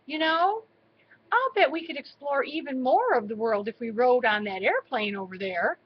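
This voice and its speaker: A woman's voice: high voice, expressive, normal speed, muffled recording, a little hiss or hum. A woman voicing an eager, adventurous young female mouse in a storybook reading. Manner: eager, persuasive.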